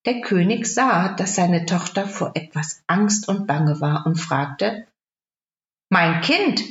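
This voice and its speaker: A woman's voice: fairly low pitch, slow. Woman reading a fairy tale aloud. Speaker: storyteller. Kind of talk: fairy-tale storybook narration. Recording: roomy, dull lo-fi recording.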